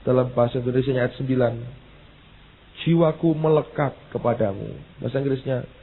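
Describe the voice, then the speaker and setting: A male pastor preaching an emphatic sermon, repeating exclamations and reading verses slowly. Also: mid-range voice. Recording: tinny phone-like sound with faint hiss.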